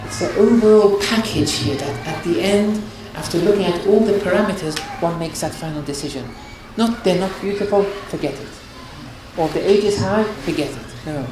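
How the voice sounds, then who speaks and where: A woman's voice: fairly low pitch, normal speed. A woman giving an earnest religious lecture on marriage, counselling her listeners and often restarting her phrases. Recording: very echoey hall with noise.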